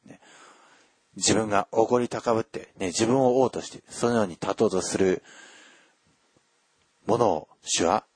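A man preaching a sermon and reading scripture aloud, earnest and emphatic, with frequent filler pauses. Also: on the low side, darkish tone, breathy edge, no room sound. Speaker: pastor.

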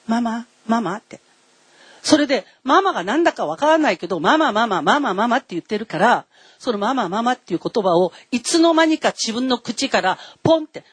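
A woman's voice: mid-range voice, husky, no echo. A woman giving a sermon in a conversational, explaining way, addressing the congregation directly with frequent tag words. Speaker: preacher.

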